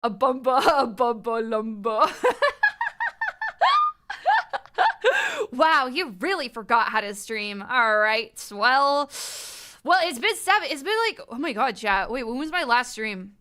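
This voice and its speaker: A woman livestreamer chatting excitedly with her viewers in a cute, gushing, giggly anime-streamer manner, often repeating herself. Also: fairly high pitch, moderate pace. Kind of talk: excitable livestream chat, thanking subscribers.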